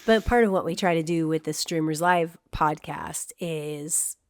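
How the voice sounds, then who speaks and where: A woman co-hosting a casual podcast, chatty and often affirming her partner, her throat a little rough from allergies. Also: low-pitched, unhurried, dry recording, studio quality. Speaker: podcast co-host.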